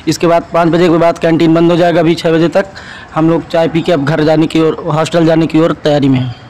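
A young man answering casually in an outdoor canteen, relaxed, listing things one by one. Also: a little high, fairly quick, poor audio. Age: young adult. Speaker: student being interviewed.

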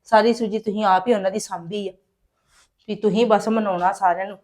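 A woman playing a wife in a family drama, sharp-tongued and complaining. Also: medium pitch, fairly even intonation, a little fast, close to an everyday voice. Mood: grumbling. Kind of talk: acted family drama dialogue.

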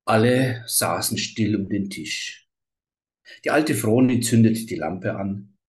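A man reading an old fairy tale aloud in a measured, atmospheric way. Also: lowish voice. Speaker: storyteller.

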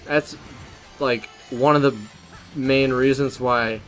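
A man's voice: medium pitch, steady tone, takes it slowly, a bit bright, soft background music. Rambling young male gamer. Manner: rambling and self-deprecating. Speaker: gaming commentator. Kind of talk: let's play commentary.

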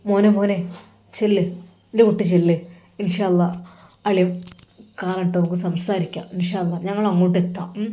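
A woman voicing a kindly, affectionate middle-aged brother-in-law who asks soft, coaxing questions. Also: on the low side, fairly even intonation, moderate pace, pauses often, lightly acted. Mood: fond, worried. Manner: soft, coaxing questions, calls him dear son.

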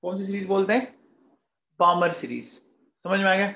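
In a low-quality, roomy recording, a man with a high, creaky, pushed and bright voice lectures a chemistry class at normal speed. He coaxes his students with questions he then answers himself, affectionately calling them kids, "beta" and "bachche."

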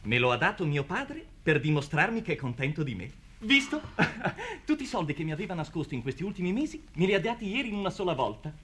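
Naive excitable young man. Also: fairly high pitch, brisk, few pauses. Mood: boastful. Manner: excited, chatty. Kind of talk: 1950s television drama acting. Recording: hissy old 1950s TV recording.

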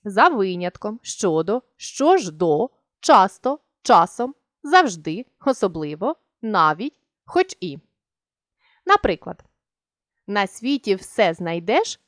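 A woman gives a grammar lesson and speaks with a lively, rising and falling intonation. She sets out each rule clearly and deliberately and stresses her example words. The sound is dry and close, with no room behind her. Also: mid-range voice, dry recording. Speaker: teacher.

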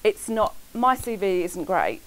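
A middle-aged woman barrister giving frank, animated career advice on a panel in a seminar room. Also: medium pitch, a little slow, low-quality recording. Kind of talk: panel talk to students.

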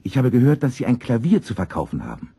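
A man reading a storybook aloud and voicing an excited young music student who talks fast and eagerly. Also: medium pitch, slightly rough, voice pushed up, heavily acted. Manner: eager, breathless, quick.

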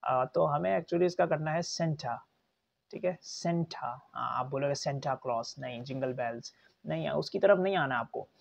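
Gravelly-voiced man teaching pronunciation. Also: medium pitch. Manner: patient, repeats words slowly, chatty asides. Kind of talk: casual spoken lecture. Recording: dull lo-fi recording.

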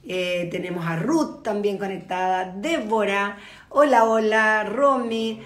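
A woman's voice: medium pitch, takes it slowly. A woman hosting a live online show, chatting casually and greeting viewers by name from an open-plan home beside a kitchen. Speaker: host. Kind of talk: casual live-stream chat. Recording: echoey room.

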